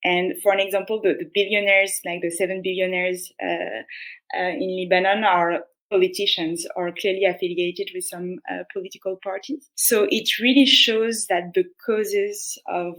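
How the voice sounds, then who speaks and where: A woman's voice: lowish voice, steady tone, normal speed, a bit bright, low-quality recording. A young woman with a French accent, explaining patiently as a guest on a podcast, with many restarts and "like"s. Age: young adult. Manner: earnest, explanatory, frequent "like" and restarts. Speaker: guest economist. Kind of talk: podcast interview.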